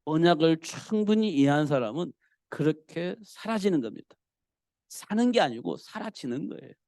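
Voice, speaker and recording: A male pastor preaching a sermon in a church, telling the story with animated delivery. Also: a little high, normal speed, creaky, no echo, studio quality. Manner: animated storytelling, acting out the king's cries.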